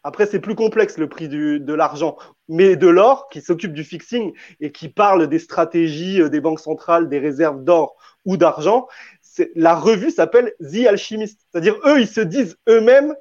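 A man's voice: fairly high pitch, normal speed, a little mellow, dry recording. A man arguing in a debate, hesitant, often restarting and repeating words. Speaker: debate panelist. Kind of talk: spontaneous debate argument. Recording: dull, dry lo-fi audio.

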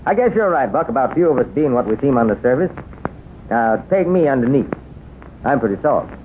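A man acts a wistful American cowboy widower in an old radio western. He talks in a folksy, halting way with lively pitch swings. The recording is thin and clearly noisy. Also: phone-quality sound, close to an everyday voice. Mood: confiding. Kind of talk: 1930s radio western acting.

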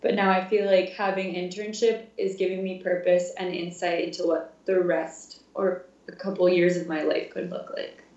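A woman's voice: fairly low pitch, flat delivery, normal speed, darkish tone, highs cut off. Chatty young woman, roomy distant sound. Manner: chatty, laughs often, filler-heavy. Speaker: guest, music therapy intern. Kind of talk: casual interview chat.

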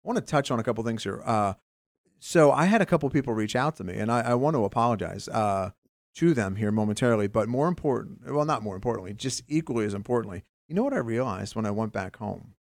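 A man's voice: fairly low pitch, quick pace, no room sound. Emphatic man chatting on a podcast. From Pennsylvania. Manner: animated, emphatic, restarts a lot. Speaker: podcast co-host. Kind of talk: casual chat.

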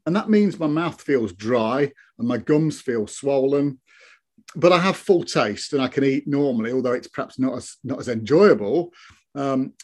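A man's voice: mid-range voice, darkish tone. A man in his early fifties giving a reflective personal account as an interview guest, speaking in an earnest, matter-of-fact way. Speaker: interview guest, stroke survivor.

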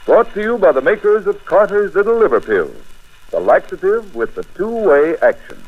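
A man's voice: high-pitched, very animated, normal speed. A man reading a commercial as an old-time radio announcer, with an emphatic, polished sales delivery. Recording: dull lo-fi old radio recording.

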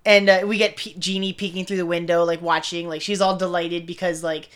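With a low-leaning, smooth and slightly bright voice that barely moves in pitch, a woman talks fairly quickly as co-host of a fan podcast. Her chat is enthusiastic, casual and millennial, peppered with "like".

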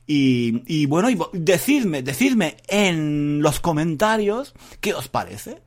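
A man's voice: on the high side, sing-song, takes it slowly. A man giving a casual Spanish lesson podcast, repeating phrases emphatically and speaking straight to learners. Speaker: Spanish teacher.

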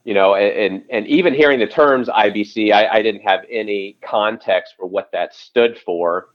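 A man's voice: lowish voice, moderate pace. A man speaking as a podcast guest over a phone call, telling his story in a conversational way with frequent restarts and "you know". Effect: heard over a phone call. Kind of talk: casual interview storytelling. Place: calling in from home area by phone. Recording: dull lo-fi phone line.

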